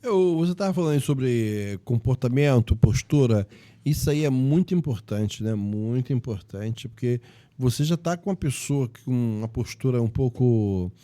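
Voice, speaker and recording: A man's voice: mid-range voice, expressive, moderate pace, warm tone. A Brazilian man hosting a casual podcast, chatting and agreeing often with his guest. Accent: Brazilian Portuguese. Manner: chatty, agreeable, with frequent filler affirmations. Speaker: podcast host.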